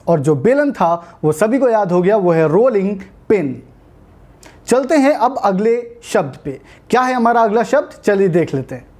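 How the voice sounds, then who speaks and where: A woman with an Indian accent teaching a spoken English lesson, explaining patiently and slowing down to spell out words. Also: medium pitch, dark tone.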